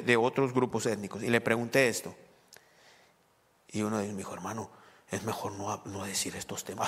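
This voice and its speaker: A man preaching a conversational sermon. He talks emphatically and moves between hushed asides and loud outbursts. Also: mid-range voice. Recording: long hall reverb.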